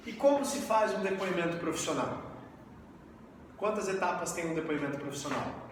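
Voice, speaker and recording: A man in his thirties from Brazil, giving a lively live training talk and asking the audience questions. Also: high-pitched, normal speed. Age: 30s. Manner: energetic, asks the audience questions. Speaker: network marketing trainer. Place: event room with audience. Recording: echoey hall, mic far off, faint hiss.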